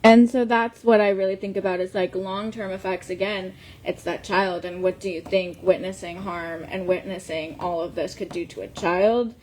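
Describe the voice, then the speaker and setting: A woman's voice: medium pitch, steady tone, normal speed, hardly any pauses, darkish tone, a little hiss or hum, low-quality recording. A woman from Pakistan, a guest advocate in a casual panel chat, telling stories in a chatty way with many fillers.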